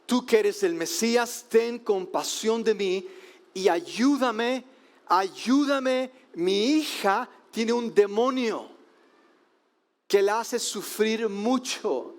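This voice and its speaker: A man voicing a desperate mother who begs loudly for help for her daughter. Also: slow pace. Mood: desperate pleading. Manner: high, loud, begging cries. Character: desperate pleading mother, woman crying out.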